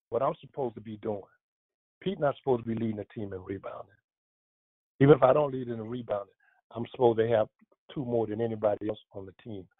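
A man in his seventies, a former pro basketball player, reminiscing in a casual interview, rambling with many restarts, with a husky voice. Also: mid-range voice, dry recording. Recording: tinny phone line.

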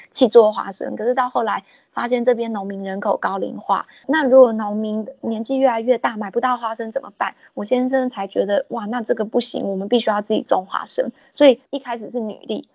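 A woman with a gravelly, mid-range voice, interviewed as the owner of a peanut business, tells lively anecdotes and acts out the quotes. The recording is dull, lo-fi, and dry, with no room sound.

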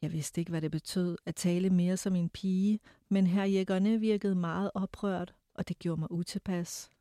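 A woman reading a novel aloud in a measured way, then discussing it with some hesitation. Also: on the low side, fairly even intonation, mellow, no room sound, studio quality. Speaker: guest reader.

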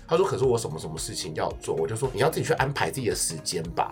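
Low-voiced man ranting fast and animated. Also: music in the background. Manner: animated venting, acting out office quarrels. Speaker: podcast co-host. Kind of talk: casual podcast chat.

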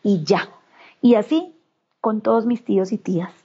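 A Colombian woman with a paisa accent tells a heartfelt family story, slipping into the voices of her relatives as she goes. Her voice is mellow and warm. The recording sounds a little dull and lo-fi. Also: medium pitch, moderate pace, slightly rough. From Colombia, Antioquia region. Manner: animated, acts out quoted relatives. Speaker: interview guest, mother. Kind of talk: emotional personal storytelling.

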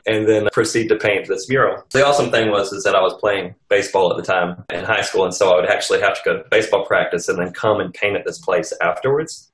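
A man as an interview guest, telling his life story in a rambling, animated way. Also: fairly low pitch, reverberant, rough recording.

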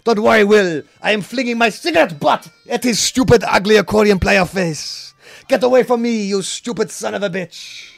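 A man puts on a boozy French retired footballer, pompous and rambling, with a hammy French accent. The voice sits high with a gravelly edge, close and dry. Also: normal speed, no echo, faint music behind. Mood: angry. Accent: put-on French. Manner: pompous, tipsy, rambling, bursts of shouting. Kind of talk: comedic podcast bit.

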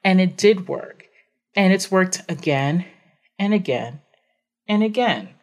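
A woman with a lowish voice recounts her business wins with emphatic, rhythmic repetition. She builds her points in short punchy sentences and acts out her own surprised reactions. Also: lively intonation, slow. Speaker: podcast guest, business owner. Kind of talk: animated storytelling in conversation.

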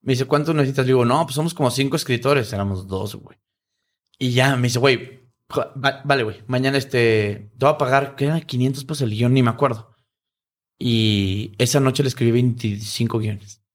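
A man's voice: mid-range voice, normal speed. A middle-aged man with a Mexican accent, a guest in an interview, telling stories in casual, profane slang and acting out the people in them. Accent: Mexican Spanish. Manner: profane slangy storyteller, acts out voices.

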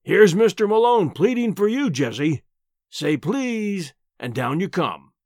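An overbearing professor from an audiobook, as a male narrator plays him. He is bullish and mocking, rumbling out orders to his wife. His intonation is lively and the sound is dry. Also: unhurried, dry recording, heavily acted. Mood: brusque, mocking. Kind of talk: audiobook character acting.

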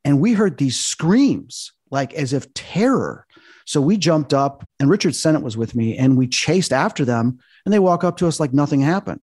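A man's voice: on the high side, lively intonation, normal speed, darkish tone, no room sound, clean studio sound. A man telling earnest stories in a casual podcast chat, walking through paranormal theories at length. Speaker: paranormal investigator guest.

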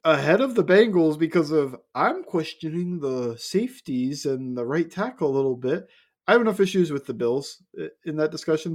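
Opinionated man co-hosting sports talk. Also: fairly high pitch. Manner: opinionated, rhetorical questions. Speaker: podcast co-host.

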